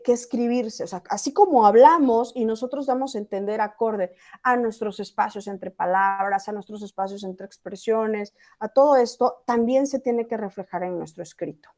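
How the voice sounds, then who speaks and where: A woman's voice: on the high side, mellow. Woman teacher checking in with students. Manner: explanatory, often checks in with students. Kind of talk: online class lecture.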